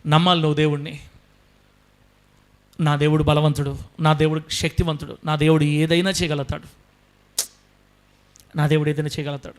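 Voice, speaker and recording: A man's voice: on the high side, flat delivery, brisk, pauses often. A male pastor with a Telugu accent, preaching a sermon with rising intensity and calling on the congregation to respond. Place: church service.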